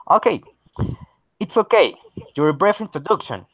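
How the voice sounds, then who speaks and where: A man's voice: on the high side, very animated, takes it slowly, fairly bright tone, husky, no room sound, rough recording. A man, teaching a basic English lesson and often saying okay and very good. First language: Spanish. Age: 30s. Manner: encouraging, repeats okay and very good.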